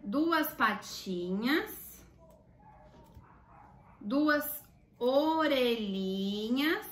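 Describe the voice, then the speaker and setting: A woman's voice: sits high, animated, extremely slow, fairly bright tone. A woman with a Brazilian accent teaching children a craft like a kids show host, in simple child-directed talk. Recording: echoey room, distant mic, faint noise.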